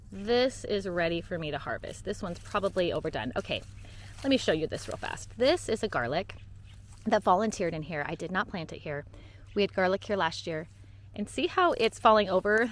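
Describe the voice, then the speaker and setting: A woman's voice: medium pitch, slight background noise. A woman giving a casual walk-and-talk tour of her vegetable garden, chatty and bubbly, laughing at her own slips, recorded outdoors on a camera she carries.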